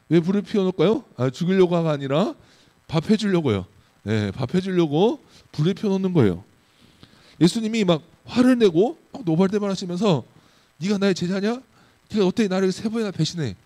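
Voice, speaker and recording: A man giving a children's sermon in church, telling a Bible story in an animated way and asking the children questions. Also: on the high side. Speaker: children's pastor.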